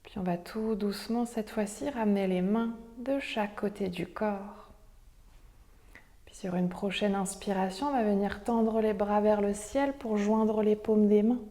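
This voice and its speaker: A woman leading a guided breathing meditation in a soft, breathy, near-whispered voice, with soothing, measured instructions. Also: medium pitch, fairly even intonation. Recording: long hall-like reverb.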